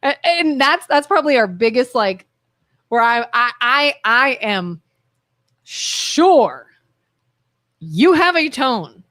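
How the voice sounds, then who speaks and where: A woman in her thirties co-hosting a casual live talk show, acting out quoted dialogue with lively energy. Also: high-pitched, slow pace, long pauses, no room sound, studio quality. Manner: animated, acts out quoted dialogue, laughs. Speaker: podcast co-host.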